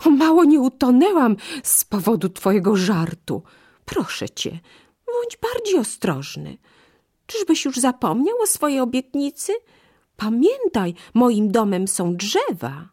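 A clever little monkey, as a woman storyteller puts her on, squeaking up high and swooping between notes, quick-witted and wary. The voice stays lively and a little husky. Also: heavily acted. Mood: alarmed. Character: clever, cautious female monkey.

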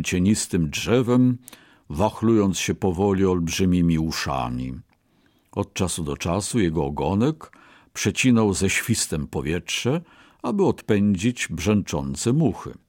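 Man reading a kids' story, slow and very expressive, dry close mic. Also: sits low, no room sound.

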